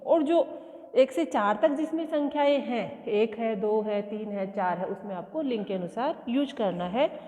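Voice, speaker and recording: A woman teacher, explaining Sanskrit exercises in a slow classroom style and asking questions that she then answers herself. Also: fairly high pitch, expressive, warm tone. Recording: echoey room, tinny phone-like sound.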